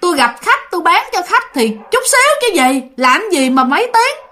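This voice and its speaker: A fiery young market woman selling sticky rice, with a Southern Vietnamese accent, as a woman storyteller puts her on. She sounds high and very lively, swinging widely in pitch and full of exclamations. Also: moderate pace, exaggerated voice. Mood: worried.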